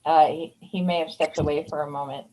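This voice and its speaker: Polite low-voiced woman hosting introductions. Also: fairly even intonation, brisk, background noise. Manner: polite, formal, gracious. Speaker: meeting facilitator. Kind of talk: online meeting introductions.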